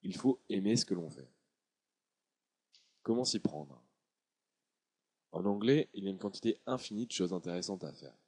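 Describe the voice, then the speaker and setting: A man reading a scripted promotional voice-over about his own book, in a steady, measured delivery. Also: low voice, husky. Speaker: author presenting his book.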